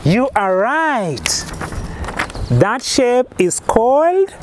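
A man's voice: very high-pitched, sing-song, very slow. A man in his thirties presenting an outdoor lesson as a kids show host, asking guessing questions and counting aloud step by step. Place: outdoors on a lawn in a yard. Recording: faint outdoor background noise.

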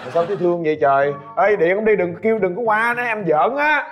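A man's voice: high-pitched, animated, fast talker, lo-fi sound, faint music behind. A man hosting a TV game show, playful and teasing with the guests. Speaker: TV show host.

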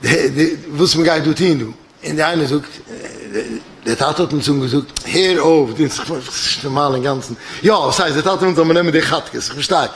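A man delivering a yeshiva lecture, his voice sitting a touch higher than most men's. He spins a parable, jumping into the characters' lines with bursts of energy and frequent restarts. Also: normal speed, a little hiss or hum. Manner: animated storyteller acting out dialogue, many restarts. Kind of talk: religious lecture told as a parable.

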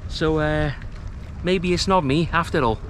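A man in his thirties from Wales, chatting easily to the camera outdoors on a rocky estuary shore while he fishes, relaxed and self-deprecating. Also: on the high side, unhurried, a little hiss or hum. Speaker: fishing vlogger. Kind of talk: casual talk to camera. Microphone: camera mic, close framing.

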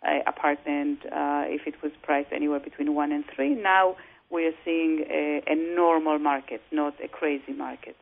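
A woman's voice: deep voice, fairly even intonation, creaky. Woman on a tinny phone line. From Israel. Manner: measured, many fillers and restarts. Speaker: real estate broker, guest. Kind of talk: phone interview.

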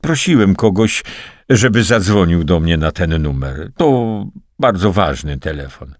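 Man playing a calm composed officer. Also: low voice, no echo, studio quality. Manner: calm, measured.

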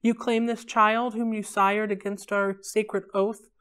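A woman's voice: medium pitch, flat delivery, unhurried, a bit bright, smooth, lightly acted. A woman voicing a stern, proud male king of the gods, grumbling and menacing.

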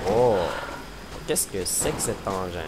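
A man's voice: lowish voice, animated, slow pace, noisy background. A man with a Québécois French accent giving let's-play commentary, exclaiming, joking and humming to himself as he plays. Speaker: gamer commentator.

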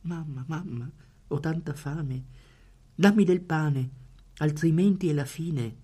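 A man's voice: a little high, slow, dark tone, slightly rough, voice pushed up. A man voicing a starving little child who begs his mother for bread in a dramatic poetry reading. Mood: desperate pleading. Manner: pleading, desperate.

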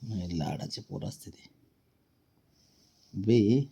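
A man's voice: fairly low pitch, lively intonation, slow pace, creaky, warm tone, husky. A man talking to his pet cat in a playful, teasing way, asking it questions and scolding it fondly. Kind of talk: casual talk to a pet, teasing.

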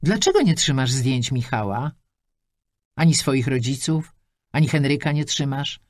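A woman reading an audiobook and voicing a gentle, fretful old widow who speaks plaintively and asks a lot of questions. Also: rumbling low, animated, unhurried, dry recording, clean studio sound, exaggerated voice.

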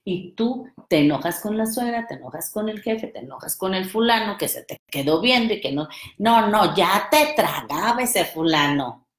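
A woman's voice: medium pitch, expressive, moderate pace, roomy sound. A woman coach giving a motivational talk to an audience, playful and fond of acting out the people she quotes. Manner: playful, acts out quoted friends. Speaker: NLP coach.

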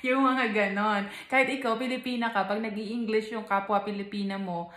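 A woman's voice: mid-range voice, steady tone, normal speed, fairly bright tone, reverberant, slight background noise. A young Filipino woman from the Philippines with a Filipino accent, giving casual vlog advice, chatty with frequent laughs and fillers. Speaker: vlogger. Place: home in Texas.

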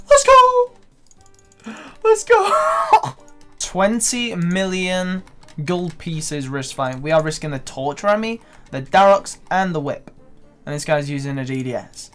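A young man doing live gameplay commentary, swearing and breaking into excited shouts. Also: fairly high pitch, clear, resonant tone. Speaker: gaming video creator.

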